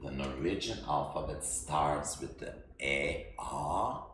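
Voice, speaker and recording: A man who is not a native English speaker teaches a language lesson in halting English, repeating himself with many fillers. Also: extremely low pitch, animated. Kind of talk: slow spoken language lesson. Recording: echoey room with faint noise.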